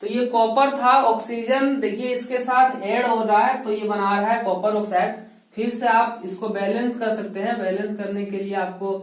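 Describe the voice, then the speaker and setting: Woman teaching chemistry in an echoey room. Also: medium pitch. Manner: explains step by step, asks rhetorical questions. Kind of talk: whiteboard chemistry lesson. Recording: echoey room, voice heard from a distance.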